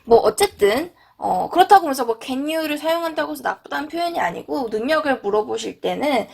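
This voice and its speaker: A woman teaching an English lesson, repeating English phrases slowly and clearly. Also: high-pitched.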